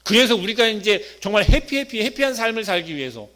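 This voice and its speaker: A man preaching a sermon, asking the congregation rhetorical questions and swinging between loud emphasis and hushed asides. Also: high-pitched, sing-song, quick pace. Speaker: pastor.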